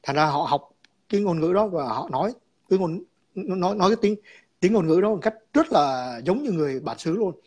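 A man's voice: high-pitched, lively intonation, fairly quick, darkish tone. A man calling in to a chat, explaining his views in a rambling way, repeating words and slipping in English terms.

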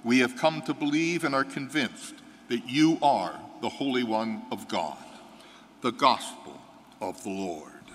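An older American priest speaks at a mid pitch, reading scripture and preaching in a measured, earnest way. His words carry firm conviction. The sound has a long reverb from the church sanctuary. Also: a bit bright, slight background noise. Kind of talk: reading the gospel and preaching a homily. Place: large church sanctuary, seated before an altar. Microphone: fixed microphone at the altar.

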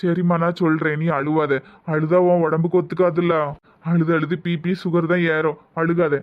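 ஒருவர் கார்ட்டூனில் நெல்லை வட்டார வழக்கில், மனைவியை அமைதியாகச் சமாதானப்படுத்தும் வயதான கணவருக்குக் குரல் கொடுக்கிறார். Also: male voice, fairly high pitch, level tone, normal speed, no echo, natural voice. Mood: soothing. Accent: Tirunelveli Tamil. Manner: coaxing, soothing. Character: gentle elderly husband, calm and soothing. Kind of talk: cartoon voice acting. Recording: dull dry lo-fi recording.

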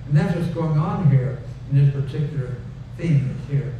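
Lively intonation and a fairly high pitch at normal speed mark this older man's sermon, delivered in a folksy, talky style with emphatic repetition and ending in a prayer. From a wood-paneled church stage, his headset mic yields echoey, distant, dull and noisy sound.

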